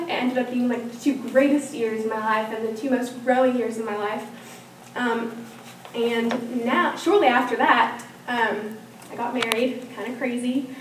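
A young woman, a student, telling her personal faith story in a casual way, with many ums and likes. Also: fairly high pitch. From Norman, Oklahoma. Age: young adult. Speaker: student giving testimony. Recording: echoey room, from far off, faint hiss.

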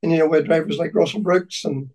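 A man with a Donegal Irish accent reminiscing in conversation, haltingly and often repeating his words. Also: on the high side, fairly even intonation, darkish tone, distant mic. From County Donegal, Ireland.

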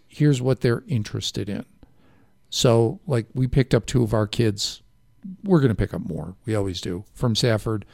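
In a radio studio, a man hosts a local radio interview show, rambling and frequently correcting himself. His mid-range voice is darkish with vocal fry, captured on a studio microphone in a dry, clean studio recording.

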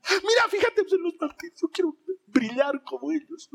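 A man's voice: very high voice, animated, moderate pace, creaky, a bit bright, voice pushed up, exaggerated voice. A man voicing a worn-out, envious parent who complains in a whiny, plaintive tone. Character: worn-out parent whining about envy.

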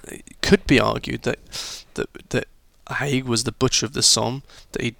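A man's voice: mid-range voice, fairly even intonation, normal speed, vocal fry, a bit bright, no room sound. A man talking students through a history lesson in a chatty, informal way, with fillers and restarts. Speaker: history teacher.

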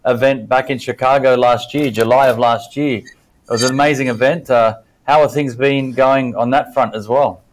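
A man's voice: medium pitch, steady tone, poor audio. A man hosting a podcast interview who sounds upbeat and welcoming as he introduces and questions his guest. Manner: upbeat and welcoming, quick to praise. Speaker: podcast host. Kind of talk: casual interview.

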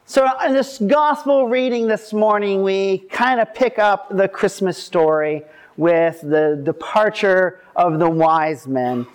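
A man preaching at a pulpit microphone, chatty and relaxed in his delivery, with joking asides and self-corrections. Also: high voice. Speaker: priest. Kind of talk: sermon.

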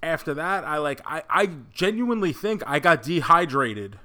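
A man's voice: on the high side, very animated, normal speed, sharp tone. A man hosting a podcast in a casual, chatty style. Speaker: podcast host.

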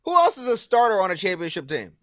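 A man's voice: high-pitched, quick pace, dry recording, studio quality. A man co-hosting a sports talk show, ranting with disbelief in a heated debate. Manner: incredulous, ranting, animated.

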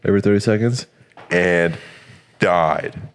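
A man's voice: low-pitched, unhurried, smooth. A man in his twenties, a college football player guesting on a podcast, trading easygoing jokes in casual chat. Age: 20s. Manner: joking, easygoing banter. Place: podcast studio.

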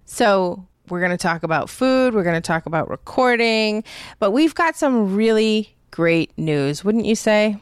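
A woman's voice: mid-range voice, lively intonation, unhurried, clear, resonant tone, dry recording, studio quality. Upbeat woman co-hosting a podcast. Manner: upbeat, laughs often. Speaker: podcast co-host. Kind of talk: casual podcast chat.

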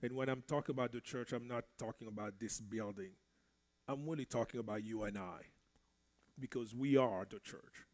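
A Congolese man who grew up speaking French teaches a church Bible study as its minister. He talks at a normal speed with a medium-pitched voice. His delivery is conversational preaching, and he repeats words.

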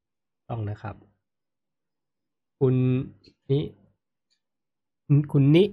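A man's voice: extremely slow, no room sound, lo-fi sound. A man hosting a casual live-stream chat, reading viewer comments aloud and murmuring "mm" as he listens. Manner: frequent murmured "mm" backchannels, reads comments aloud. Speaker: host.

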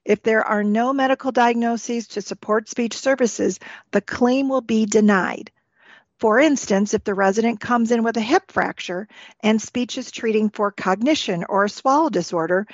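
A woman's voice: a little high, no echo. Woman explaining stuff formally on a training podcast, reading it out, dry slightly muffled sound. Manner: formal, instructional. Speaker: expert guest. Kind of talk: scripted educational podcast discussion. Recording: dull, lo-fi podcast audio.

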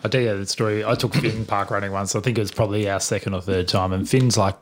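Middle-aged man, co-host, fairly low voice, tells stories with energy and laughs a lot. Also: fast talker, a little hiss or hum. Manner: animated storyteller, laughs often. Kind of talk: casual chat.

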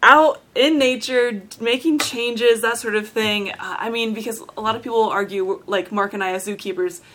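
A woman's voice: a little high, normal speed, fairly bright tone. A woman hosting a podcast in a casual, informal, rambling way, peppering her talk with filler phrases. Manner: informal, rambling, frequent "like" and "you know". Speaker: podcast host, zookeeper. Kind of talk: casual interview chat.

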